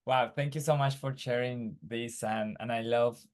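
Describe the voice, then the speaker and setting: A man's voice: mid-range voice, steady tone, moderate pace. Effusive male podcast host. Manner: warm, effusive thanks and praise. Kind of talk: casual interview.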